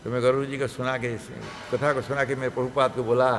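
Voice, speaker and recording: A man in his seventies, a monk giving a scripture class, tells a devotional story in a lively way and acts out the characters' voices. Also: mid-range voice, brisk, faint music behind. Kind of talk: storytelling sermon. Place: temple hall. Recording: reverberant hall with faint background noise.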